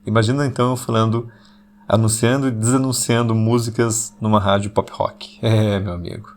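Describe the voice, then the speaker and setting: Gravelly low-voiced man. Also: level tone, slight background noise. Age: 40s. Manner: deliberately slower, lower tone, still slipping into fast talk. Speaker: podcast host. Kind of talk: intimate late-night podcast monologue.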